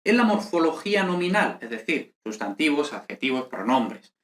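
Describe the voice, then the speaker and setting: A man, teaching an online Latin lesson in a lively, conversational way, full of fillers and checking questions. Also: fairly high pitch, moderate pace, roomy sound. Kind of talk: online lesson explaining over slides.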